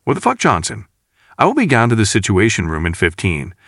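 A man reading the part of a woman military captain in an audiobook, barking short orders in a brisk, commanding way. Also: on the low side, wildly swooping pitch, fairly bright tone, dry recording, clean studio sound, exaggerated voice.

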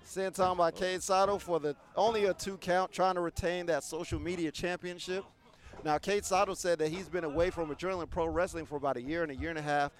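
A man calling live wrestling play-by-play, rattling off moves and bursting loud on the big spots. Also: a little high.

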